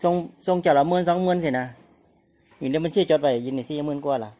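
A man's voice: a little high, fast talker, warm tone. A man with a northeastern Thai Isan accent selling his farm stock in a casual live chat, repeating prices and replies for viewers. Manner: repeats prices and the other speaker's words for viewers.

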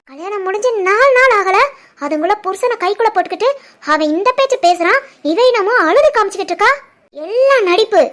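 A woman doing a very high, bitter village sister-in-law. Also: a bit bright, exaggerated voice. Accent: southern Tamil Nadu village dialect. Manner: complaining, insistent and bitter. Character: sharp-tongued scheming young village woman, sister-in-law. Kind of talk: animated family drama voice acting.

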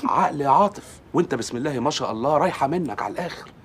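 A man's voice: on the high side, lively intonation, very fast, a little hiss or hum, close to an everyday voice. An actor playing an exasperated young man of the household, sarcastic and fed up, speaking with an Egyptian Arabic accent in a TV comedy series. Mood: stern. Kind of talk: TV comedy drama acting.

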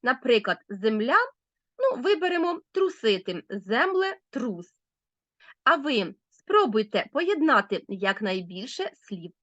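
A woman teacher talks a class of children through a recorded lesson, her voice rising and falling a lot as she stresses each rule. Her pitch sits somewhat high, and the sound is dry and slightly dull. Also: sing-song, unhurried, fairly bright tone, dry recording. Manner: clear, emphatic teacher's explanations addressed to the class.

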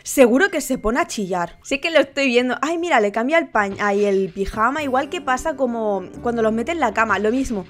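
A young woman speaking talks her audience through her game. She gushes and exclaims at every little detail, in a bright, high-pitched voice. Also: fairly quick, hardly any pauses. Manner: excitable, gushing exclamations. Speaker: gaming youtuber. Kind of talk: casual gameplay commentary.

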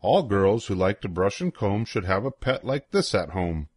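An older man reads a children's rhyming picture book aloud, playful and sing-song with swooping emphasis. His lowish, slightly rough voice has a darkish tone and lively intonation at a moderate pace, recorded in clean studio sound with no room sound.

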